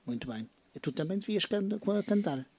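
A woman's voice: on the low side, expressive, moderate pace, warm tone, a little hiss or hum. A woman with a European Portuguese accent hosting a casual radio interview, coaxing and playful. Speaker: radio host.

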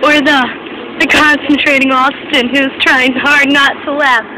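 Giggly high-voiced young woman in car. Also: level tone, measured pace. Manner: giggly, playful, teasing. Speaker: vlogger filming in the car. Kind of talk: giggly casual chat. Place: inside a moving car. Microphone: handheld camera. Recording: loud car road noise. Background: loud road noise.

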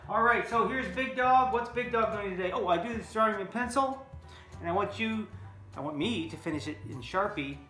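A middle-aged American man teaches kids to draw in a casual, playful way, chatting as he sketches and drawing out certain words. His voice is high, bright and forceful at a moderate pace. The room is very echoey, with faint music behind him.

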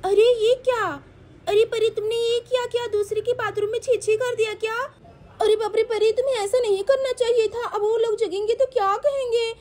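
A woman's voice: very high voice, fairly even intonation, moderate pace, a little mellow, voice pushed up. A woman voicing a flustered young mother hurriedly scolding her small daughter.

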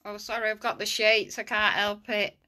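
A woman filming a casual ghost hunt on the stairs of her house, chatting and calling out loudly to spirits, recorded on a handheld phone. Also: medium pitch, level tone, normal speed. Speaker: amateur ghost hunter. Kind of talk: casual home ghost-hunting vlog.

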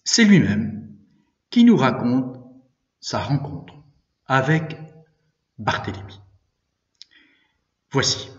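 A priest reading a religious story aloud with expressive, animated storytelling. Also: male voice, mid-range voice, slow, long pauses. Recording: distant, echoey, dull room recording.

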